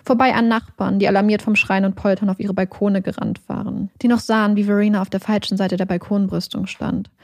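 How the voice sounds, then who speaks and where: A woman reading a scripted narration in a calm, measured, matter-of-fact way. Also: medium pitch, gravelly, no room sound.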